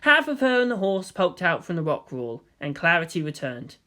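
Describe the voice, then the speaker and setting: With a mid-range voice at normal speed, this narrator performs a fan fiction story aloud, telling it expressively in a scripted style.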